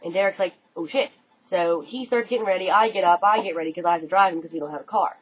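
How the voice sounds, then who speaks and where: A young American woman telling a story to her webcam in an animated, casual way, swearing freely. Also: fairly low pitch, fast, husky. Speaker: vlogger. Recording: dull lo-fi webcam audio, faint room noise.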